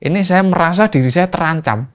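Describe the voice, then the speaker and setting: A man's voice: high voice, a little fast. A man from Solo, a spiritual teacher telling stories as an interview guest, acting out dialogue and sound effects. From Solo, Central Java. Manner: acts out dialogue and sound effects, lively storyteller. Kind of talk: animated storytelling in a talk show interview.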